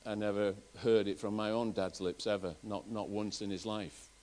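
A man's voice: fairly low pitch, level tone, normal speed, a little mellow. A man with a Northern English accent, preaching a sermon and telling personal stories in an earnest way, often restarting his phrases. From England. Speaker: pastor.

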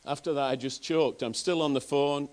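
A man's voice: on the high side, fairly even intonation, normal speed. A man with a Northern English accent, preaching a sermon and telling personal stories in an earnest way, often restarting his phrases. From England. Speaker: pastor.

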